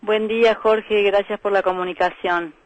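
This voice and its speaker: A woman doctor with an Argentine accent, calmly explaining medical points as a guest in a radio interview, with frequent hesitation fillers. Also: mid-range voice, moderate pace, no echo, rough recording. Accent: Argentine Spanish. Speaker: breast specialist doctor, guest.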